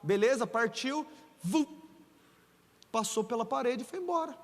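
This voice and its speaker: A man's voice: very high-pitched, lively intonation, brisk. A man preaching a sermon as pastor, telling the story playfully and acting out the dialogue, in a large church hall. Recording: echoey church hall with long reverb.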